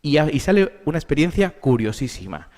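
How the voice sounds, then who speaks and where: A man's voice: on the high side, sing-song, fairly quick, a little mellow, long reverb tail. A man with a Spain Spanish accent, a therapist giving an emphatic conference lecture full of rhetorical questions. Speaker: therapist giving a symposium talk. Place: conference hall.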